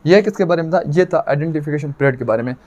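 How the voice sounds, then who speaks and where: A man with a Pakistani accent and a fairly high voice gives an explanatory law lecture, teaching step by step in a didactic way. He restates each point and poses questions he then answers himself. He speaks at a racing pace, his tone a little mellow, and the recording has its highs cut off.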